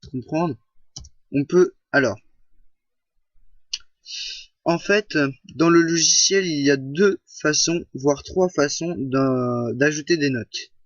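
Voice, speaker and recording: A man walks through a software tutorial at a slow, unhurried pace. He hesitates often and corrects himself mid-sentence. The recording is dry and a little dull, made at a home computer. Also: medium pitch, no echo. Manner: slow, hesitant, many fillers and self-corrections.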